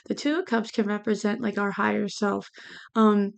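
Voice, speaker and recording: This woman's voice is medium-pitched, steady and creaky, moving at a normal speed. She's a tarot reader doing a relaxed reading, lisping because of lingual braces, drifting hesitantly from point to point and repeating "you know."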